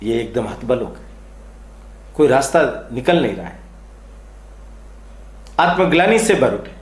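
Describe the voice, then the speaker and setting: A man's voice: medium pitch, very animated, unhurried. A man retelling an ancient epic dramatically and acting out its characters, recorded in an echoey room. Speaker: storyteller. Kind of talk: devotional epic storytelling.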